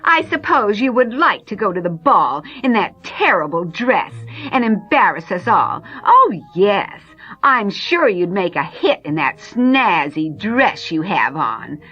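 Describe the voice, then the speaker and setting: A woman voicing a snide young stepsister with low, dry sarcasm. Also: very animated, measured pace, pushed and bright, slightly rough, dull audio, faint music behind, exaggerated voice. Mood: sarcastic.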